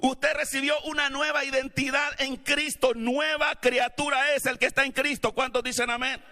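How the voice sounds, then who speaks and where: In a church sanctuary, a male pastor with a Latin American Spanish accent, not Mexican, preaches a sermon at normal speed, moving from steady teaching to shouted calls to the congregation. His voice is high for a man, bright and edged, and long hall reverb trails every phrase.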